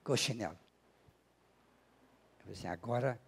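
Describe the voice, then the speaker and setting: A Brazilian man lectures at a spiritist center in a gravelly, husky voice. He tells a story from his own family, acting out each side of the dialogue and slowing down to stress his points. His pitch sits in an ordinary middle range. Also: expressive. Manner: storytelling, acting out dialogue with big shifts in loudness. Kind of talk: spiritual lecture with personal anecdote.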